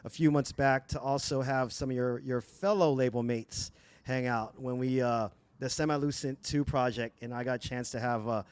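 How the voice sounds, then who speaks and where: A man's voice: mid-range voice, steady tone, moderate pace, clear, resonant tone, dry recording. A man hosting a casual livestream interview as a DJ, hyped and full of praise. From United States. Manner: hyped, repeats praise like "very dope". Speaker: livestream DJ host.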